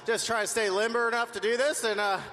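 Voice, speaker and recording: A man with a very high, bright voice chats casually as an athlete being interviewed. His phrasing is halting and informal, and it rings with long arena reverb. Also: fairly even intonation. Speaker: freestyle motocross rider being interviewed. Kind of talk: casual post-win interview. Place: large indoor arena.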